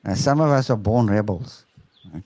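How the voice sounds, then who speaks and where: A man's voice: on the low side, moderate pace, mellow, no room sound. A man from South Africa, a teacher, talking reflectively and emphatically, often checking in with "right?". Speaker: teacher and speaker. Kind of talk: reflective conversational talk.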